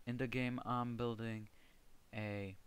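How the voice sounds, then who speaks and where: Speaking slowly and flatly, this gaming video creator has a medium-pitched, clear, resonant voice and a strong Czech accent. The young man from the Czech Republic chats casually about his gameplay at his home gaming PC, hesitating, restarting words and hunting for terms.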